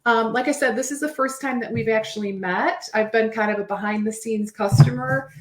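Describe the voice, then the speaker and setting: A woman with a fairly high voice hosting an interview, enthusiastic and welcoming. Her voice carries a noticeable room echo. She talks in an easy, casual way. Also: a little fast. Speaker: interview host. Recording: echoey room sound.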